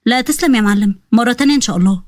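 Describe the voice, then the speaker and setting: A woman voicing a sharp-tongued young woman shopkeeper in an Egyptian story reading, with an Egyptian accent and snappy retorts. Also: on the high side, very fast, dry recording, natural voice. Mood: curt. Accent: Egyptian Arabic.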